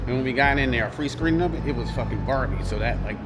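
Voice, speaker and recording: A man's voice: mid-range voice, fast talker, loud music behind the voice. An American man giving a casual vlog-style movie review in a slangy, profane way.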